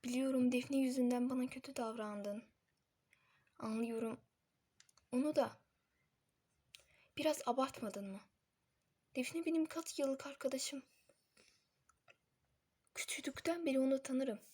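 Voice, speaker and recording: A woman's voice: sits high, unhurried, pauses often, darkish tone. A woman voicing a pleading young man. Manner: insistent, questioning. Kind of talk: doll-series voice acting.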